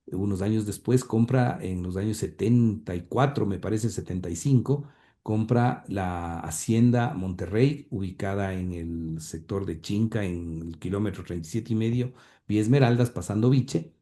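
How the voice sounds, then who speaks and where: In a conversational interview, a man who is the radio pioneer's grandson shares family history, frequently hesitating with fillers and repeated words. He speaks at a moderate pace in a low, dark-toned voice.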